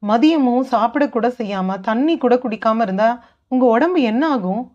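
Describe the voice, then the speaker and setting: A woman's voice: fairly high pitch, expressive, moderate pace, a little mellow, muffled recording, natural voice. Woman doing an earnest younger brother. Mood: concerned. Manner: urgent, coaxing.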